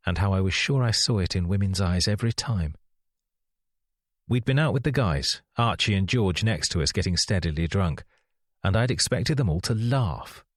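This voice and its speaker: Male reader, very low voice, dry studio read, wry and measured for a first-person thriller. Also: no room sound. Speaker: audiobook narrator. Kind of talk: scripted audiobook narration.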